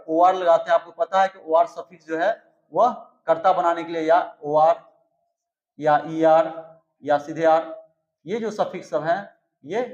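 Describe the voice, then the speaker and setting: A man with a fairly high voice teaches an English grammar lesson. He spells out letters and repeats each word slowly to show how it is pronounced. The recording sounds roomy and a little muffled. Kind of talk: explanatory lesson. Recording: echoey, slightly dull recording.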